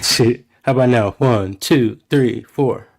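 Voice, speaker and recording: A man filling in as host of an online music talk show, chatting in a relaxed, self-deprecating way on a home microphone. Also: medium pitch, takes it slowly, vocal fry, poor audio. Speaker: fill-in host. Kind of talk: casual podcast chat.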